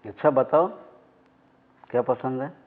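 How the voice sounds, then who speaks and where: An actor as a sleazy, self-important official in a crime drama. He haggles in a medium-pitched male voice. The sound is narrow and muffled, like a phone. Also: measured pace, close to an everyday voice. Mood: intrigued. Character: lecherous, bribe-seeking senior male official Saxena. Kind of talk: low-budget Hindi crime drama acting.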